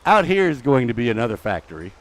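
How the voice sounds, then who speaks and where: During a live gameplay stream, the middle-aged male host pants from his treadmill walk while chatting, rambling, and speaking to the game's mobs. He talks quickly and very animatedly at a medium pitch with a fairly bright tone.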